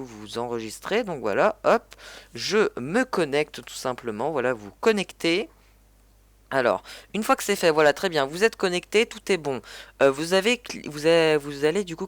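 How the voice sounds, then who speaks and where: A man's voice: on the high side, no room sound. A man explaining a game mod installation in a casual tutorial, often hesitating and correcting himself. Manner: hesitant, many fillers and self-corrections. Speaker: gaming tutorial youtuber. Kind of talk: casual screen-recorded tutorial.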